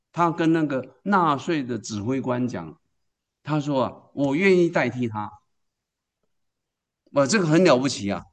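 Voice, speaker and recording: A man preaching a sermon. He tells the story emphatically and keeps asking the congregation questions, then answering them himself. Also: mid-range voice.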